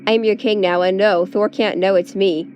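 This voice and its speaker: A woman's voice: mid-range voice, fairly even intonation, normal speed, a little mellow, highs cut off, slight background noise, lightly acted. A woman reading a story aloud, voicing a scheming young male trickster prince who explains himself earnestly in slightly formal speech. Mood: explaining.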